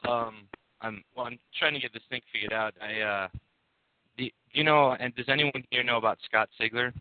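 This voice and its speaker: A man's voice: mid-range voice, fairly even intonation, brisk, no echo. A man calling in over a phone line, talking hesitantly with many fillers. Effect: heard over a phone line. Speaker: caller. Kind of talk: casual chat. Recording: narrow phone-line sound, dry.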